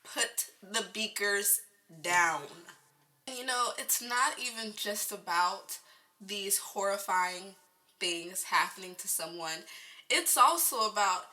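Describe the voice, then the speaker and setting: Young woman vlogger, very bright tone, theatrical and jokey, musing straight to camera. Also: mid-range voice, a little slow, poor audio. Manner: dramatic, exaggerated, laughing asides. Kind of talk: casual comedic monologue to camera.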